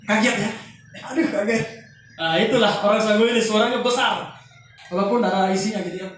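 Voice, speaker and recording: A man with a fairly high, loud voice gives a casual lecture, joking with his listeners as he goes. He is heard from a distance in a very echoey room, with faint noise behind him. His teaching is animated and full of asides. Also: brisk. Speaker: youth group speaker.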